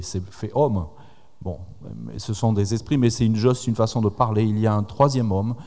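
A man's voice: fairly low pitch, mellow. A man preaching a sermon, retelling scripture with quoted dialogue and putting questions to the congregation. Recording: long hall reverb.

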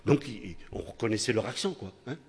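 An older man preaching a sermon with a husky voice, in a chatty style that keeps tossing tag questions to his listeners and restarting phrases. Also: fairly low pitch, expressive, fairly quick, a little mellow. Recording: long hall reverb.

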